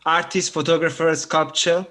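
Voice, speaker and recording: A man's voice: a little high, flat delivery, moderate pace, pushed and bright. A man hosting, introducing a guest with some hesitant fillers. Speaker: host.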